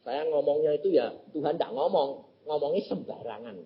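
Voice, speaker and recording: A man preaching a sermon as a pastor, telling a story and acting out the dialogue in a lively, conversational way. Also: a little high, fairly quick. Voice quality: animated, acts out dialogue in a mix of informal Indonesian and Javanese. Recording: dull lo-fi recording.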